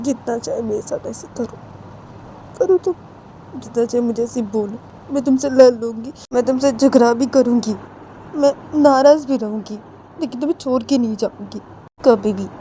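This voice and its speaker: A woman puts on a tender young woman consoling her crying partner in a soft, coaxing voice that is slightly high and mellow. She keeps checking in with a gentle questioning "haan?". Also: moderate pace, slight background noise, close to an everyday voice, rough recording. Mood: soothing. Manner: gentle coaxing, repeating "haan?" after each line.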